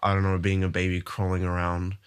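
A man's voice: low-pitched, monotone, fairly quick, clear, resonant tone. A young man chatting casually with his family, talking loosely with lots of fillers. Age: young adult. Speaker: adult son.

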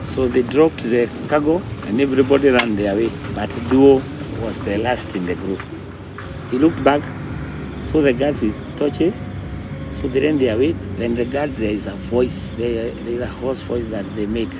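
A man working as a live interpreter, relaying a witness's account in plain, halting speech. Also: medium pitch. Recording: noisy field recording, crickets and traffic.

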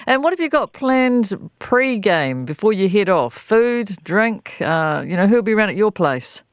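A woman's voice: medium pitch, sing-song, a little slow, no echo. Woman hosting a radio chat, easygoing questions, dry close mic. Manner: friendly, conversational questions. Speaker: radio host. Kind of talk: radio interview.

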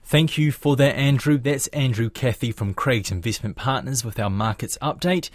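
A man's voice: medium pitch, moderate pace, no echo. New male business news presenter, dry studio. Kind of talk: scripted news reading and interviewing.

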